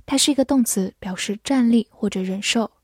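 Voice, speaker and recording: A woman teaching English vocabulary in a scripted lesson, spelling words letter by letter and reading example sentences slowly for learners to repeat. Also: fairly high pitch, husky, no echo, studio quality.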